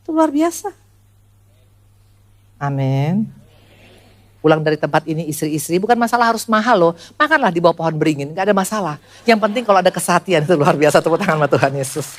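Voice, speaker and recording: A woman in her sixties preaching a lively sermon to a church congregation, calling out to the audience and dropping to quiet asides. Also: fast, pauses often. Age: 60s. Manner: animated, swings from loud high calls to low quiet asides. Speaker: pastor. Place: church service before a congregation.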